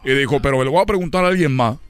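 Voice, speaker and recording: For a comedy sketch, a man plays a rambling character, the son of a dictator, who tells a long story, repeats himself and laughs at his own jokes. He speaks rapid-fire at medium pitch, close to an everyday voice, with no room sound.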